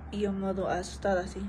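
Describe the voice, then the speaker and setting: A woman's voice: medium pitch, background noise. A young woman vlogger casually telling a story to her viewers, chatty, repeating phrases and often calling out to them.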